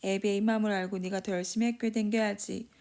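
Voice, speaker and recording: A man's voice: sits high, flat delivery, fast, vocal fry, a little mellow, clean tone. A woman voicing a drunken, boastful one-armed father who rambles and scolds in Gyeongsang dialect. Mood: drunk scolding.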